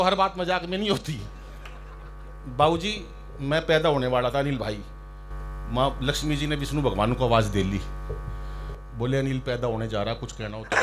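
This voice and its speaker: A man's voice: mid-range voice, a bit bright, slight background noise. A man in his fifties on a poetry stage, a comic poet teasing the audience in a chatty way. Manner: teasing, chatty, acts out voices in jokes. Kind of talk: stand-up comic poetry banter. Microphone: stage mic.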